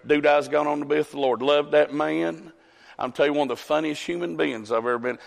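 A man's voice: a little high, steady tone, fairly quick, creaky. A man preaching a folksy storytelling sermon, calling on congregants by name. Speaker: pastor. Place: church sanctuary. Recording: long church hall reverb.

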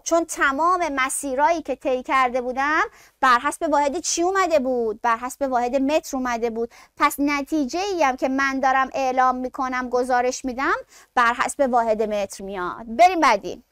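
A woman's voice: high voice, fairly bright tone, clear, resonant tone, no echo, clean studio sound. A woman teaching a science lesson who asks the class questions, answers them herself, and speaks to her students affectionately. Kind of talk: classroom lecture.

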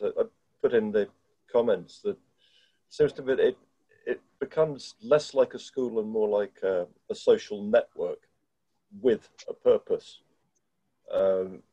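Dark, husky older man on a headset. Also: on the low side. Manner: thoughtful and halting, with many restarts. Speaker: participant in an online educators' discussion. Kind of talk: casual video-call discussion. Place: home room with bookshelves. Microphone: headset on a video call. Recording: dull, lo-fi video-call audio.

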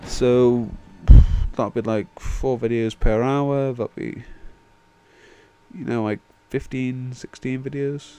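Over the game's end-credits music, a young let's player speaks slowly in a smooth, dark, medium-pitched voice with fairly even intonation. His rambling commentary is casual, sweary, and self-mocking, and his voice sounds tired, recorded as a voice-over on the video.

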